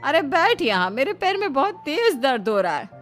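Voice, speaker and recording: A woman's voice: sits high, sing-song, normal speed, soft background music. A woman voicing a bustling, bossy village mother-in-law in a cartoon story, given to exclaiming and calling out.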